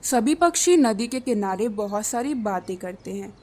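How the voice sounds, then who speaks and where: A woman narrating a children's cartoon story in a clear, even storytelling manner. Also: mid-range voice, normal speed.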